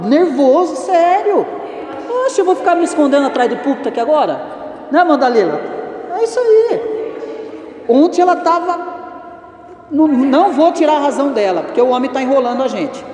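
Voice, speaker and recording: A male evangelist giving an animated, conversational teaching sermon, speaking directly to his congregation in a church hall. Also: extremely high pitch, slight background noise. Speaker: evangelist preaching. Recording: roomy echoing church reverb.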